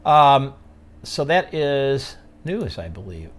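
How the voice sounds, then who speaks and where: Middle-aged male podcast host; animated, rambling, laughs a lot. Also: medium pitch, takes it slowly, slight background noise. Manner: chatty, rambling, laughs often. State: out of breath. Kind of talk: casual chat.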